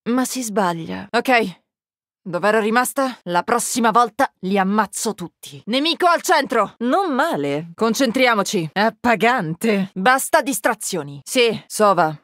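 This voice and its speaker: A woman's voice: a little high, animated, measured pace, fairly bright tone, no echo. An actress voicing a menacing young woman agent in a video game, with cold, taunting, clipped callouts, recorded dry on a close studio mic. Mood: cool menacing. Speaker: voice actress dubbing a game character. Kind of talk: game voice lines.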